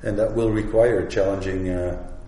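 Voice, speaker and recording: A Flemish man with a low, dark voice answers interview questions thoughtfully, pausing and restarting often. He sits some way back from the mic in an office, so the sound is roomy and distant, with faint room noise behind him. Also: fairly even intonation. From Belgium, Flemish part. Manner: thoughtful, halting, many fillers and restarts. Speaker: guest, agency director. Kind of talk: radio interview.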